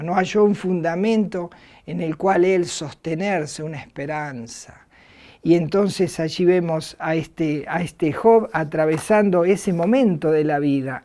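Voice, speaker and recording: Slow, mellow-voiced Argentine woman preaching. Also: lowish voice. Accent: Argentine Spanish. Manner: slow, reflective preaching with acted quotes. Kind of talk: sermon.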